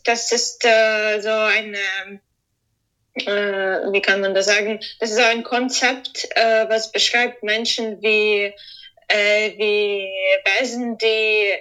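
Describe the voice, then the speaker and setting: A woman, a composer answering interview questions. She talks hesitantly, searching for words and filling pauses. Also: mid-range voice, pushed and bright, rough recording. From Ukraine.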